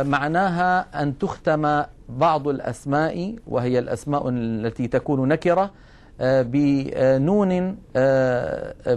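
Slightly high-voiced man teaching patiently. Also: a little mellow. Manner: explains patiently, stretches example words slowly. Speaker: Quran recitation rules teacher. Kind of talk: classroom-style lesson.

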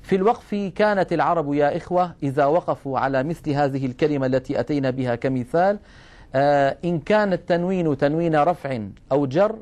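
Slightly high-voiced man teaching patiently. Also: darkish tone. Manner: explains patiently, stretches example words slowly. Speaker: Quran recitation rules teacher. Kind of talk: classroom-style lesson.

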